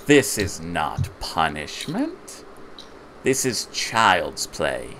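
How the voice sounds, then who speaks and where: A man's voice: sits low, wildly swooping pitch, noisy background, exaggerated voice. A man doing a haughty young nobleman. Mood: scornful. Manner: cold, measured threats.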